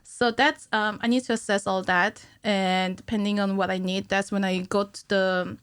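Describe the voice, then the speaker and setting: A woman in her thirties, a cinematic animator, is a guest on a podcast, explaining things casually with a giggly manner and animated hand gestures. Her mid-range voice moves at a moderate pace with a clean tone. She's recorded in a small indoor studio with curtains, on a stand-mounted studio mic, wearing headphones.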